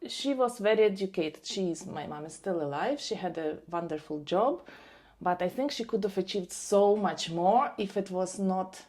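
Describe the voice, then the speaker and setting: Podcast guest, female, forties, Ukrainian accent, mid-pitched, thoughtful stop-start conversational delivery. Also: animated, moderate pace, hardly any pauses, darkish tone. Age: 40s. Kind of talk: conversational personal storytelling.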